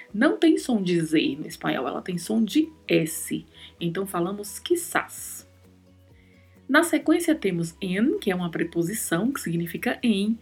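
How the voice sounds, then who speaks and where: A woman's voice: fairly low pitch, a little mellow, husky. A woman hosting a podcast, teaching Spanish in a careful, scripted lesson and spelling out words and sounds. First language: Portuguese.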